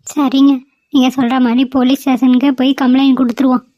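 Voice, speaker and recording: A woman's voice: high voice, level tone, fast, mellow, no echo, studio quality, natural voice. A woman voicing an anxious middle-aged mother who pleads and prays, in a cartoon. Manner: fretful, pleading. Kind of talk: cartoon voice acting.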